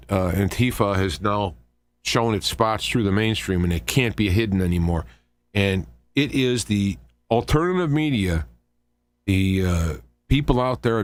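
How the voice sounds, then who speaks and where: A man with a fairly low-pitched voice hosts talk radio, offering casual political commentary. He rambles and halts, slipping in conversational asides.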